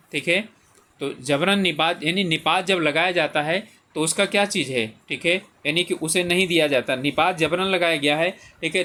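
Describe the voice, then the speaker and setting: A man's voice: on the high side, pushed and bright. A man explaining exam answers as a teacher, reading out the questions and options with frequent fillers. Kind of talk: exam paper solution lesson.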